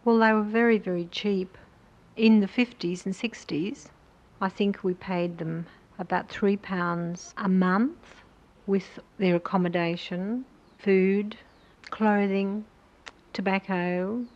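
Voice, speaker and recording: An older woman speaks very slowly and carefully, weighing each memory. She sounds distant and muffled, as on an old archival recording. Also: medium pitch, fairly even intonation, a little mellow. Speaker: interviewee. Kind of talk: reminiscing interview.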